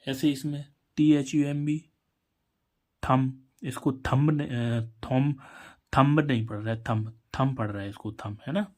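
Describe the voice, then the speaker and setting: A man's voice: mid-range voice, steady tone, measured pace. A man teaching English pronunciation, spelling words out letter by letter and answering his own questions. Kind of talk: Hindi-language English lesson.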